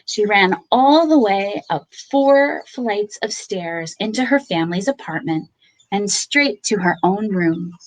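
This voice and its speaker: Female children's storyteller, bedtime read-aloud: measured pace, animated intonation, dramatic pauses. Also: mid-range voice, low-quality recording. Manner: expressive, with dramatic pauses and emphasis. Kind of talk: bedtime picture-book reading for children.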